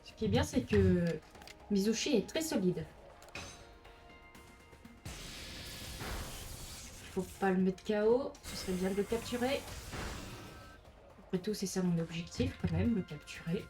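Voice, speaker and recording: A woman's voice: mid-range voice, animated, slow, pauses often, dark tone. French woman, let's play commentator, chatty, talks to her game characters, faint music behind. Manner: chatty, talks to the creatures on screen. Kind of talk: casual gameplay commentary.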